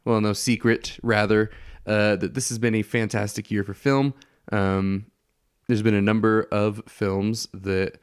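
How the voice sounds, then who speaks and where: A man's voice: lowish voice, smooth, no echo, studio quality. A man hosting a casual podcast, sounding nasal and congested from a head cold that blocks his nose. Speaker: podcast host.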